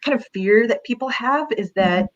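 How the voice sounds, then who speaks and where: A woman's voice: fairly high pitch, animated, moderate pace, lo-fi sound. Chatty woman career counselor. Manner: chatty, many fillers, light laughs. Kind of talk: casual advice interview.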